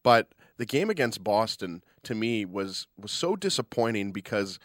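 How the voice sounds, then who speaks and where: A man's voice: fairly low pitch, sing-song, moderate pace, no room sound, clean studio sound. A man co-hosting sports radio with conversational hockey analysis. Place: radio studio.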